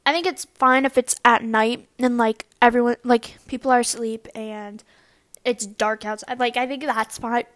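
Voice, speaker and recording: A woman's voice: a little high, fairly even intonation, moderate pace, a bit bright. A young woman student chatting casually to camera, rambling with lots of fillers and restarts. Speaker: student vlogger.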